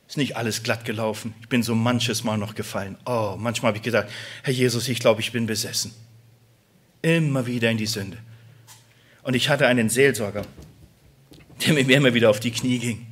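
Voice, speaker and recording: A male preacher and church elder giving an emotional sermon, swinging between loud emphatic outbursts and quiet confessions and often checking in with the congregation. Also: mid-range voice, breathy edge.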